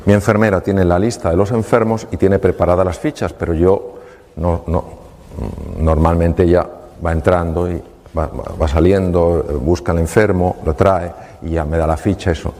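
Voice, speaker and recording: Man telling a story in a hall. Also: low voice. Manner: animated, acts out dialogue. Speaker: doctor telling a patient story on stage. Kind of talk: storytelling talk.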